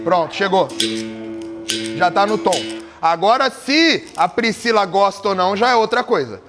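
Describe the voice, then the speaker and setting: A man's voice: sits high, animated, moderate pace, music in the background. A man leading a capoeira workshop, asking the group questions and joking as he explains tuning. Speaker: capoeira teacher. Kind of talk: workshop teaching. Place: group class with berimbaus.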